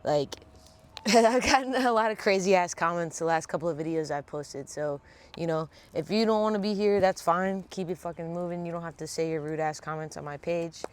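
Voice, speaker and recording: A stuffy-sounding tarot reader, blocked up by a sinus infection, delivers a laid-back home reading full of blunt, profane everyday talk. The mid-range voice moves at a normal speed over slight background noise.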